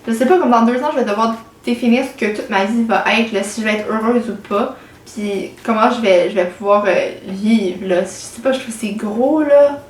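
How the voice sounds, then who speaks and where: A woman's voice: a little high, normal speed, a little hiss or hum. A teenage woman with a Québécois French accent chatting casually to camera as a vlogger, full of fillers and English words. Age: late teens. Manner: chatty, many fillers and anglicisms. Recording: echoey room with faint music.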